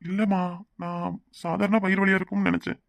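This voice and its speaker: A man's voice: sits high, flat delivery, fairly quick, gravelly, no room sound. Man playing a brooding hot-tempered young husband. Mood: pleading. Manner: brooding, pleading, possessive.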